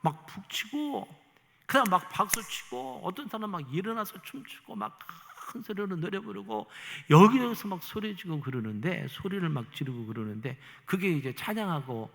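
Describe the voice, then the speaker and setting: A middle-aged man preaches his own testimony, storytelling with lots of life and acting out what he thought back then. His voice sits a bit high for a man and moves a lot in pitch. The sound carries long reverb from the church sanctuary. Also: very animated, normal speed, a bit bright. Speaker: pastor. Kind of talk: testimony sermon.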